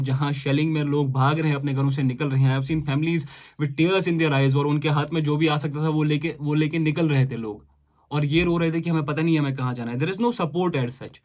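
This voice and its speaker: A young man with a Kashmiri accent delivers an impassioned monologue straight to camera. His voice sits slightly high for a man, and he fires off rhetorical questions as he moves between Hindi and English. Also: a little mellow. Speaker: vlogger.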